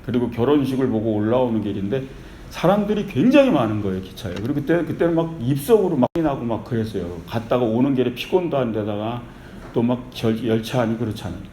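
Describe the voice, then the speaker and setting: A man preaching a Sunday sermon as pastor, telling a story with lively energy and calling the congregation to faith. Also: medium pitch, quick pace. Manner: animated storytelling with repeated calls of faith. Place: church sanctuary. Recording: echoey church hall with faint noise.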